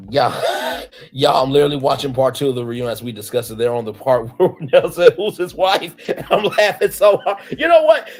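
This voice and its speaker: A man co-hosting a casual chat that recaps a reality show. He swings between low mutters and loud, high exclamations. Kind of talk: casual gossip chat with impressions.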